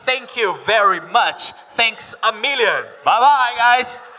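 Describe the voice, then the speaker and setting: Brazilian man, English teacher at a live class, high and very bright voice, reverberant hall. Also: expressive, slow pace. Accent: Brazilian Portuguese. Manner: mixes English phrases into Portuguese explanation, asks students questions. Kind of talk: live exam-prep class.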